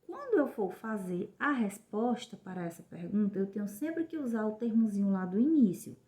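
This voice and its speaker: A woman with a Brazilian Portuguese accent, an English teacher giving a recorded lesson to children, who explains slowly and clearly and switches between Portuguese and English. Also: medium pitch, big pitch swings, warm tone.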